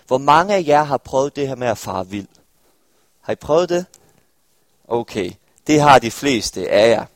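A young Danish man with an expressive, mid-range voice preaches earnestly to a congregation in a church hall, often putting questions to his listeners. The recording has no echo.

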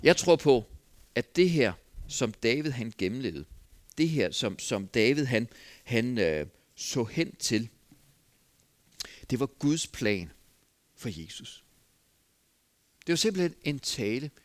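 A man preaching a sermon, with an expressive delivery that moves between emphatic and hushed. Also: mid-range voice, pauses often.

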